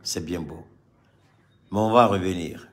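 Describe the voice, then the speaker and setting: In front of a live audience, a Malian man speaks with passion about politics, using repetition for emphasis and moving between loud and soft. His voice is low-pitched, and his pace is measured.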